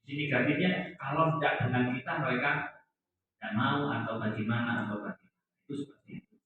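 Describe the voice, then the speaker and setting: A man's voice: medium pitch, quick pace. Male teacher in an echoey hall. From Central Java, Indonesia. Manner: explanatory, hesitant with fillers. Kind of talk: presentation on classroom discipline. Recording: echoey hall, far from mic, dull.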